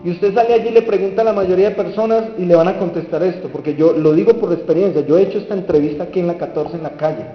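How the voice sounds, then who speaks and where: Man, lively sermon, fairly high voice, roomy hall echo, dull sound, faint music behind. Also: rapid-fire, few pauses. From Colombia. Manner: lively, acts out the people he quotes, asks the audience questions. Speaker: preacher.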